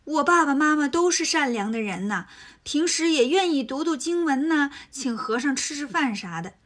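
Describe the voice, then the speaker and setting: A woman's voice: high-pitched, expressive, normal speed, fairly bright tone. A woman doing a sly demon in sweet disguise. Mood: coaxing.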